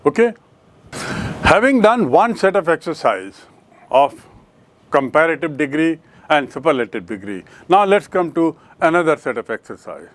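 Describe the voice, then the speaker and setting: A man's voice: fairly high pitch, very animated. A man with an Indian English accent teaching a grammar lesson, asking questions and answering them himself. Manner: explains slowly, asks and answers his own questions.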